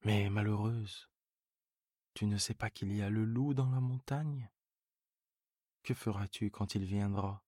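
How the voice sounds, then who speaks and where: A man's voice: lowish voice, steady tone, a little slow, long pauses, a little mellow, dry recording, clean studio sound. A man voicing a fond, worried old farmer who pleads and exclaims, in a bedtime story reading. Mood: pleading, alarmed.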